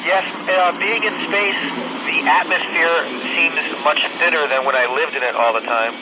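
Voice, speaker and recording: A male astronaut answering questions over a crackling, breaking-up radio downlink from the space station, closing each answer with "over". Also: on the high side. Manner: ends each answer with "over", measured and thoughtful. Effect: noisy, breaking-up radio downlink from the space station. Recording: crackling radio reception with heavy hiss, distant in spots.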